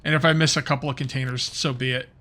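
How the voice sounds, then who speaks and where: A gaming YouTuber chats with his viewers while he plays, giving loose, rambling let's-play commentary. His mid-range voice holds a steady tone, moving quickly with a pushed, bright quality.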